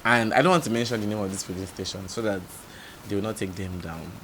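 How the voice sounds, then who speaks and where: A young Nigerian man with a Nigerian accent, telling a storytime vlog in an animated way, his loudness swinging up and down. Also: fairly low pitch, fast talker, background noise. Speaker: vlogger. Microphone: camera mic.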